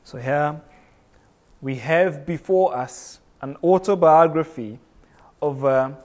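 Earnest young preacher man, slightly high. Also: slow, a little mellow. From Kenya. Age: young adult. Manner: earnest, repeats phrases for emphasis, frequent restarts. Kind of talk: sermon.

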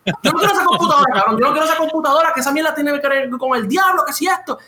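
A man's voice: big pitch swings, fairly quick, reverberant, heavy background noise. A man voicing his panicked young friend who swears he saw a demon, pleading frantically. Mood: frantic pleading. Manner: frantic, high-pitched pleading.

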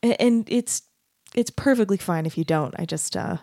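A woman interviews an artist in an easygoing chat, her voice dark and mellow. She speaks gently and hesitantly, often pausing on fillers. The recording is dry and close. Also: mid-range voice, no room sound. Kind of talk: conversational interview.

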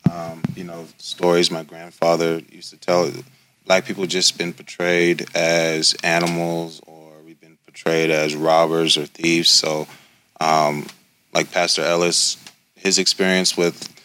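A man's voice: low voice, flat delivery, unhurried, sharp tone, a little hiss or hum. A man speaking earnestly and with some hesitation in a casual discussion.

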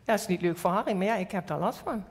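A woman's voice: mid-range voice, fast talker. A middle-aged woman with a Limburg Dutch accent, giving a personal church sermon and telling stories with acted inner voices. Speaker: church speaker. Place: church hall. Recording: long hall reverb.

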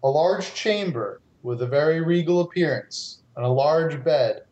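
A man's voice: on the high side, lively intonation, unhurried, darkish tone, lo-fi sound. A man casually narrating a tabletop game as game master.

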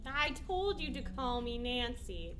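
Woman playing shrill, flustered, bossy suburban mom. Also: very animated, normal speed. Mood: coy, scheming. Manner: exasperated, scolding. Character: bossy, flustered suburban mother hiding a kinky secret. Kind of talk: improvised comedy scene. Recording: faint background noise.

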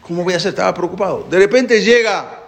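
A man's voice: high-pitched, quick pace, creaky. A man giving a sermon and telling a parable, acting out the voices of its characters. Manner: animated storyteller, voices characters. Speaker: rabbi giving a talk.

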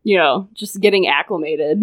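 Speaking at normal speed with a fairly low pitch, this woman shares a personal anecdote as a podcast guest. She's a native English speaker whose relaxed chatter is full of "like" and frequent laughter.

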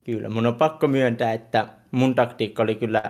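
A man's voice: medium pitch, fairly even intonation, a little mellow. A Finnish man calling in to a live stream, hesitant and dry-humored. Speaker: caller. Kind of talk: phoned-in chat.

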